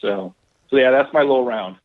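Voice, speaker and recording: A man's voice: medium pitch, fairly quick. Man telling a story over a tinny line. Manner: animated, swearing, acts out quoted dialogue. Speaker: guest, golf club owner. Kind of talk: casual storytelling.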